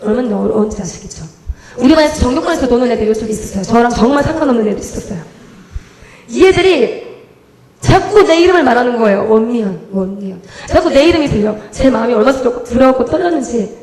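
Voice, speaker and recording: A young woman gives her testimony at a church service, talking quickly and acting out her own prayers and conversations as she goes. Her voice sits high and bright. The sound rings around a reverberant church hall. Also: a crowd in the background. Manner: animated storytelling, acts out her own prayers and dialogue. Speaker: evangelist giving testimony. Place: church sanctuary.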